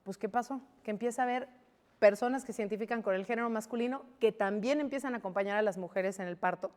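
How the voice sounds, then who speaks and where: A Mexican woman in her forties explaining her points in a lively studio debate, full of rhetorical questions. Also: medium pitch, fast, big-room sound. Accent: Mexican Spanish. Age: 40s. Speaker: guest.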